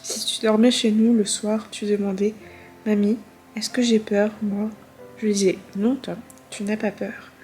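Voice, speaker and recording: A woman's voice: mid-range voice, little pitch movement, unhurried, darkish tone, faint music behind, lightly acted. A woman reading aloud in the voice of an elderly grandmother who looks back on her life with grief and tenderness. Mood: tender.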